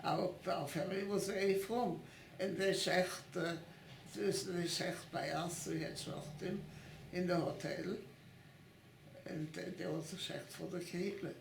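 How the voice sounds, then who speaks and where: Gravelly halting woman in her nineties. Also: lowish voice, steady tone, a little hiss or hum. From born in Italy, raised in Italy and Switzerland. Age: 90s. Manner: halting, searching for words with many repeated restarts. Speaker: interviewee. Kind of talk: oral history interview. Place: her home. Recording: roomy echo in a home.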